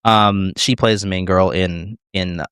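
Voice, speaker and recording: A man's voice: deep voice, steady tone, a little slow, fairly bright tone, smooth, no echo. A man co-hosting a podcast in casual chat, rambling and hesitant with many fillers. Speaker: podcast co-host.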